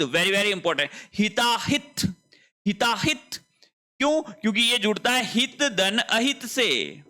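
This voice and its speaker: A man's voice: high voice, sharp tone. A male Hindi teacher giving an online spelling lesson, repeating each word and asking and answering his own questions.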